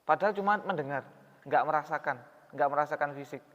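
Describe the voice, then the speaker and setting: A fairly quick male voice, on the high side and slightly bright, carries this sermon through a mosque hall. The man speaks conversationally and quizzes his audience. Reverb from the hall leaves the recording sounding dull.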